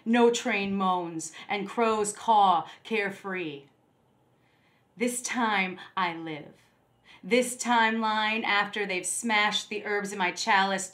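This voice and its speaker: Using a phone held at arm's length, a middle-aged woman records herself reading her verse in a deliberate, dramatic manner. She speaks in a mid-range voice with a bit of brightness.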